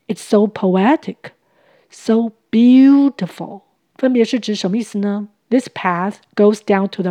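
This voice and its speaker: Mellow-voiced woman teaching English on a podcast. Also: medium pitch, no echo. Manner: patient, step-by-step explaining, reading example phrases slowly.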